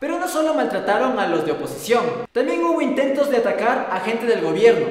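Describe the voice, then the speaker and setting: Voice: medium pitch, big pitch swings, a little fast, faint music behind. A host with an Ecuadorian accent delivering scripted satirical news commentary in a sarcastic, mock-naive way. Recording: very echoey, reverberant room.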